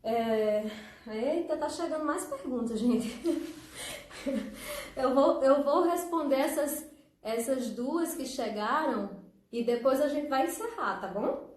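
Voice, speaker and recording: A woman's voice: sits high, expressive, slow pace. Chatty woman in an echoey room. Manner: warm, chatty, laughs often, addresses viewers directly. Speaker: teacher hosting an Instagram live. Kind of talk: casual live-stream chat. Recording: echoey room, far from the mic.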